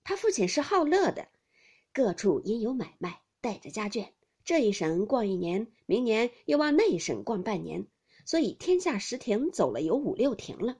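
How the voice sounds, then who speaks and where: A woman doing a gentle, tactful middle-aged aunt. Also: a little high, big pitch swings, normal speed, breathy edge, full character voice. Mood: confiding.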